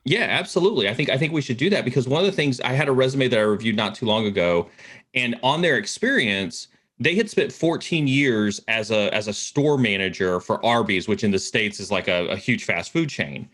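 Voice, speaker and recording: A man's voice: medium pitch, expressive, a little fast, fairly bright tone. A man speaking as the guest expert in a casual interview, talking enthusiastically and often repeating words as he starts a thought.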